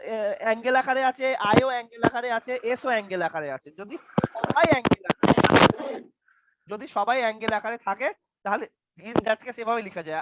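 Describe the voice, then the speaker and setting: A young man with an extremely high voice teaches an online university lecture over a video call, picked up by a computer mic with background noise. He stammers, repeats his questions and quizzes his students.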